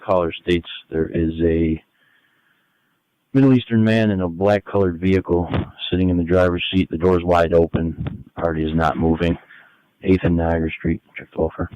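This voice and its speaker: A man with a very low voice dispatches police over two-way radio. He speaks in measured, clipped procedural phrases. The sound is dry and somewhat dull, like a lo-fi scanner feed. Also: fairly even intonation, a little mellow, clean tone, dry recording.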